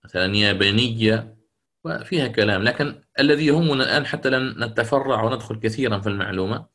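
Male recitation teacher, measured classroom delivery, repeats points for emphasis, mid pitch. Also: fairly bright tone. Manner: deliberate, repeats key points. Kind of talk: classroom lecture.

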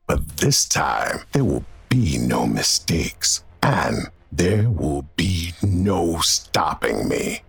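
An actor playing a vengeful rogue AI villain, menacing, boastful and grandiose, with a gravelly, raspy voice, in an audio drama. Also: male voice, rumbling low, very animated, very slow, few pauses, no room sound, faint music behind, full character voice. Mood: menacing, gloating.

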